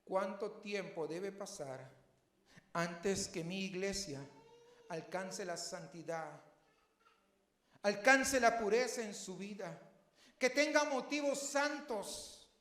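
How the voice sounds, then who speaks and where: A man's voice: high voice, lively intonation, slow, long pauses, fairly bright tone, reverberant. A man preaching a heartfelt, personal sermon that builds to emphatic questions. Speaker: pastor.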